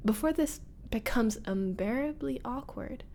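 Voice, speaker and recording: Sounding guilty and confessional, a woman with a fairly high, animated, warm voice performs an intimate ASMR roleplay. Her character is a teasing young woman who once bullied at school and is now a nervous roommate. Breathy and halting, she drifts into whispers.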